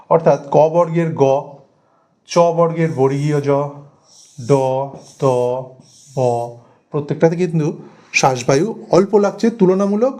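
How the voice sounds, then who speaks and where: A man's voice: fairly high pitch, mellow. A man teaching a grammar lesson at a board, repeating key terms and stressing them.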